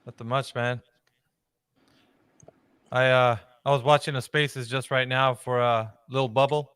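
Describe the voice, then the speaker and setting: Male co-host, easygoing slangy chatter, clear forward tone, no room sound. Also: medium pitch, flat delivery, measured pace, fairly bright tone, dry recording. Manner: laid-back, slangy, drops "dude" and "man". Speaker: co-host of an audio chat room. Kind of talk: casual chat.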